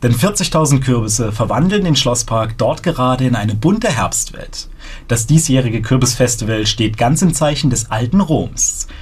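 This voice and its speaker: A male news anchor with a somewhat husky voice. He presents the news in a measured, formal way, reading each item smoothly. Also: medium pitch, expressive, a little mellow.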